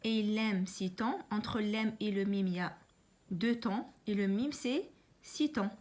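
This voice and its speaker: A woman teaching a Quran reading lesson, patiently explaining and repeating letters slowly for learners, and chanting the letters louder. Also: medium pitch.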